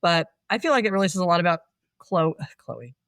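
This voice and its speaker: A podcast co-host in casual chat, recapping a film plot with frequent laughs and animated asides. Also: medium pitch, brisk, dry recording, studio quality.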